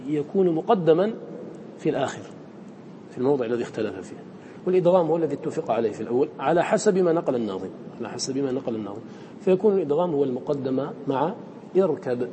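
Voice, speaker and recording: Fast-talking male teacher, dark voice. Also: mid-range voice, lively intonation, in a large hall, a little hiss or hum. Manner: quizzes students, slowly drawing out quoted verse. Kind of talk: classroom lesson.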